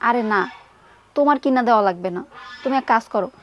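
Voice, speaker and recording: A woman's voice: a little high, expressive, quick pace, lo-fi sound, faint music behind, natural voice. A woman playing a wheedling, demanding young wife. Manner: wheedling then insistent.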